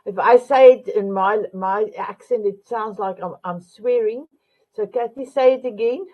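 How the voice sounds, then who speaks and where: A woman speaks slowly and deliberately as a talk show host, offering motivational encouragement. She repeats endearments and sometimes searches for an English word. Her voice comes through a narrow, phone-like line. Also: medium pitch. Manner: warm, repetitive terms of endearment, searching for English words. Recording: phone-line quality audio.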